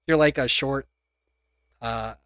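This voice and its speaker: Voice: mid-range voice, slow, a bit bright, dry recording, clean studio sound. A game master narrating a tabletop role-playing game in a casual chat, laughing often between lines. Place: home streaming setup.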